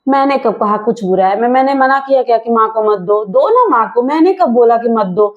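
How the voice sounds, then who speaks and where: A woman's voice: on the high side, expressive, fairly quick. A woman playing a sulky, sarcastic wife in a scripted family comedy skit. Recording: dull lo-fi home video sound.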